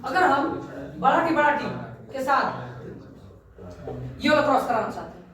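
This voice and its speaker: A man's voice: very high voice, big pitch swings, moderate pace, a bit bright. A young man tutoring a class, mixing English terms into his talk and constantly asking whether the students have understood. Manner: keeps checking if students understood; mixes Hindi with English terms. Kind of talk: classroom lesson. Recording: echoey room, voice from far off.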